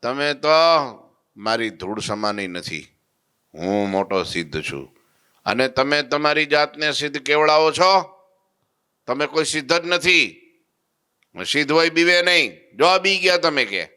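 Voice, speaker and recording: A man voicing a stern young male ascetic who loudly scolds a group of fake holy men, his rebukes firm and commanding. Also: deep voice, moderate pace, close to an everyday voice. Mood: scolding, commanding.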